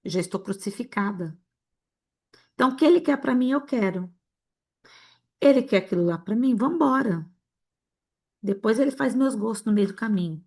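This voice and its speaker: A woman's voice: on the high side, expressive, moderate pace, long pauses, darkish tone. A woman from Brazil teaching an informal Bible lesson to an online group. She talks straight to the group and acts out little dialogues as she goes.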